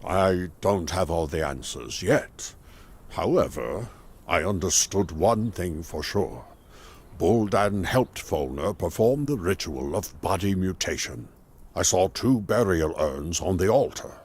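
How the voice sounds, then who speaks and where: An actor playing a calm, wise male mage in a game cutscene, explaining things in a measured way. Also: deep voice, slightly rough, heavily acted.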